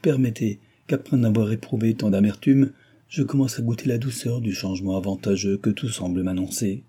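A man voicing a passionate young gentleman suitor, speaking in a fervent, imploring and formal way. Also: lowish voice, steady tone, fairly quick, husky. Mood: earnest. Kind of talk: audiobook character reading.

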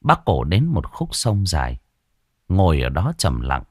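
A man narrating a ghost story with steady storytelling and lively intonation. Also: deep voice, unhurried, dry recording, studio quality.

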